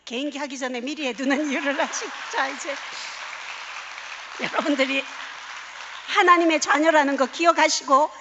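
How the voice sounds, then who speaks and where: A woman from Daegu gives a playful church testimony, with a high voice that keeps putting questions to the audience. Her voice carries a long hall echo, and the sound is a little dull. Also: fairly even intonation, normal speed, long pauses, a crowd in the background, background noise. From Daegu, South Korea. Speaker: pastor's wife giving a testimony.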